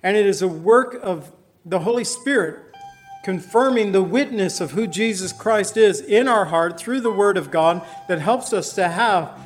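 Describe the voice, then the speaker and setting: A man preaching a verse-by-verse sermon as pastor, reading scripture slowly and with measure, and praying aloud in plain earnest words. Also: high voice, faint music behind.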